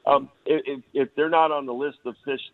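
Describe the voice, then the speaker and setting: A man calling in to a radio show, chatting casually and haltingly with lots of fillers. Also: mid-range voice, steady tone, no echo. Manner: rambling, halting with many fillers. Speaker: phone-in guest. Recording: tinny phone line.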